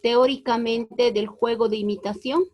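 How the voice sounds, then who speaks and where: A woman's voice: fairly high pitch, fairly even intonation, measured pace, highs cut off. A woman student on a video call, asking her lecturer a question in brief, hesitant words.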